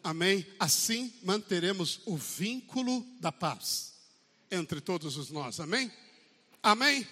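Brazilian pastor guy, high and sharp voice, lots of amens, echoey church. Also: lively intonation, slow, slightly rough. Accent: Brazilian Portuguese. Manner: emphatic, calls out for amens, acts out quotes. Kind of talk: sermon. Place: church service. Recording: long church hall reverb.

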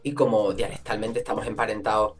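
A man's voice: on the low side, faint music behind. A man from Extremadura with an Extremaduran accent, a guest explaining eagerly in a casual interview. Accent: Extremaduran Spanish. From northwestern Cáceres, Extremadura. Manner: fast, animated explaining with many fillers. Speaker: guest, language content creator.

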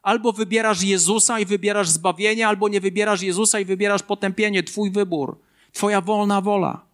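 A man's voice: high-pitched, fairly even intonation, a little fast, a bit bright. A man preaching a sermon as a pastor, driving points home with earnest, emphatic repetition.

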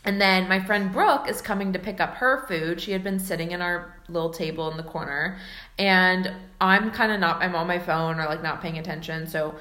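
A young woman tells a story on a podcast, animated and giggly, acting out the voices of the people in it. Her voice is low but bright and forward, and the room around her is roomy and echoing. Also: moderate pace. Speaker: podcast host. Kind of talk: casual storytelling chat.

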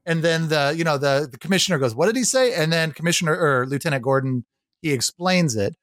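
A man's voice: fairly high pitch, expressive, quick pace, a bit bright, no echo, clean studio sound. A man co-hosting a casual podcast chat about movies, enthusiastic and acting out quotes from scenes. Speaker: podcast co-host.

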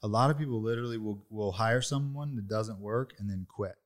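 A man's voice: fairly low pitch, a little fast. A man hosting a casual business conversation, coaching his guests in an emphatic way and laughing easily. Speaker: podcast host.

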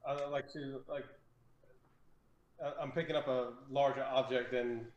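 A man's voice: mid-range voice, little pitch movement, measured pace, reverberant, highs cut off. A man playing a tabletop game, talking in a casual, practical way. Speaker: player.

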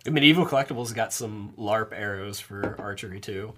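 A man's voice: fairly low pitch, moderate pace, fairly bright tone, a little hiss or hum. A man, co-hosting a casual podcast chat, joking and laughing often. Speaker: podcast co-host.

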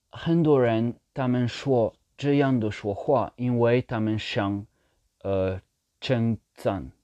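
Slow, halting man speaking Mandarin with foreign accent. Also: lowish voice, warm tone, no room sound. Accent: foreign, non-native Mandarin. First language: not Mandarin. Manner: halting, searching for words, repeats phrases for emphasis. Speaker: language learner sharing his experience. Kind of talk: casual monologue in a learned language. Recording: dull, slightly lo-fi sound.

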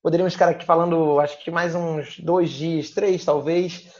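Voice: mid-range voice, steady tone, moderate pace, darkish tone. A podcast host who speaks politely with slightly formal phrasing while moving the show along. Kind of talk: hosting a podcast. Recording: slightly muffled audio.

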